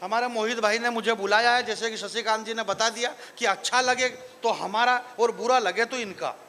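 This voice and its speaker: High, bright-voiced comic poet. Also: male voice, fairly even intonation, moderate pace, a little hiss or hum. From Marwar, Rajasthan. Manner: jokey banter with the audience, rising into declaiming verse. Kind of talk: live stand-up poetry recital. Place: live stage event before an audience.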